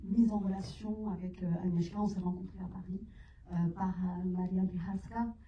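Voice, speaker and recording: A woman's voice: on the low side, steady tone, moderate pace, warm tone, slight background noise. A woman actress of Iranian origin, answering questions at a cinema talk in hesitant phrases with many fillers. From Iran. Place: cinema hall. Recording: echoey, distant and muffled room sound.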